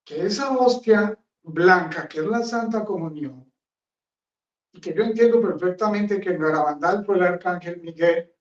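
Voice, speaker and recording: Rambling friar preaching in a roomy chapel. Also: male voice, high voice. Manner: rambling, conversational, blunt. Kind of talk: sermon. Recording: roomy, distant, dull sound.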